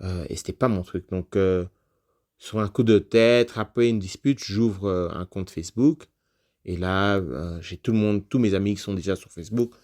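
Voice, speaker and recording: Male podcast guest with a lowish voice and a casual storytelling delivery, loosely phrased with plenty of fillers. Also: moderate pace, a little mellow.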